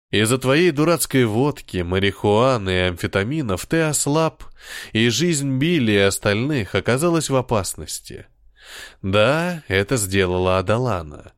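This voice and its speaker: A man voicing Arthur, a cold and commanding male leader persona who speaks slowly and with authority, in an audiobook. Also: lowish voice, no echo, clean studio sound, pitched below the performer's own voice. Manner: slow, measured, authoritative.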